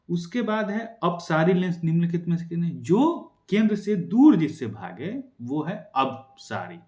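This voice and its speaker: Brisk young male tutor, echoey room. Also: a little high, darkish tone. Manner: explains quickly, asking and answering his own questions. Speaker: teacher. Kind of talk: exam-prep science lesson.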